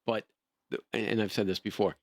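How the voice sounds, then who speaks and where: A man's voice: fairly low pitch, brisk, no room sound. A man in his sixties co-hosting a podcast, chatting casually with dry jokes. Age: 60s. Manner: wry, lively, dryly joking. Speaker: podcast co-host. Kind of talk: casual chat.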